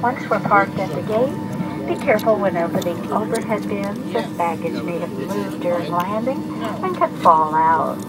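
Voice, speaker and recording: A woman's voice: medium pitch, animated, moderate pace, over loud music, rough recording. A woman flight attendant reading a scripted airline announcement to passengers, like those heard at airports. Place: inside an airliner cabin. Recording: cabin announcement amid loud aircraft noise.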